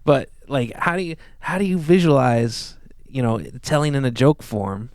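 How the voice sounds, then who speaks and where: A man hosting a casual podcast chat, rambling and trailing off softly. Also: medium pitch, lively intonation, moderate pace, no echo, clean studio sound. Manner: rambling, laid-back, often trails off quietly.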